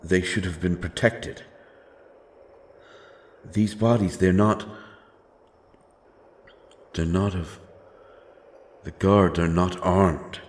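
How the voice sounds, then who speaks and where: In a dark fantasy audio drama, a man plays a grim, doomed, godless avenger, brooding and solemn with weighty pauses. His deep voice keeps a fairly even intonation, and the mood is tense and demanding.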